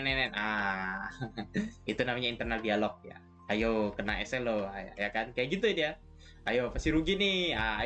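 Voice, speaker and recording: A man of ordinary pitch teaches trading in a loose, conversational way, checking in with listeners after nearly every point. Soft music plays faintly behind his voice. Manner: chatty, repeats "ya kan" and "gitu" often. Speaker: trading mentor. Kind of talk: trading lesson.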